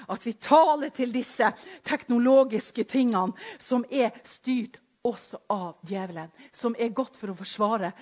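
A woman preaching a sermon with emphasis, swinging between loud declarations and hushed storytelling. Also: mid-range voice, breathy edge. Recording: dull lo-fi recording.

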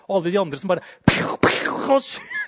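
A man preaching a charismatic sermon, swinging from loud exclamations to soft murmurs and bursts of shouting. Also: high-pitched, wildly swooping pitch, background noise. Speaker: pastor. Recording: dull lo-fi sound.

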